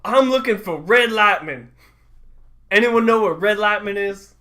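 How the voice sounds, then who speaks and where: A man playing a vengeful cowboy stranger, blunt and deadpan, in improv comedy. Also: sits high, a little slow, exaggerated voice. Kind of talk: improv comedy role-play.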